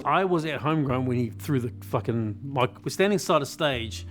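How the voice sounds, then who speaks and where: A man telling an anecdote in a lively way during a documentary interview. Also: mid-range voice, normal speed, music in the background.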